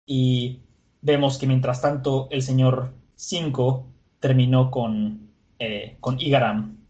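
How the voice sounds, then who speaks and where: A man casually recapping an episode, animated and chatty with many fillers. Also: medium pitch, slow pace, highs cut off.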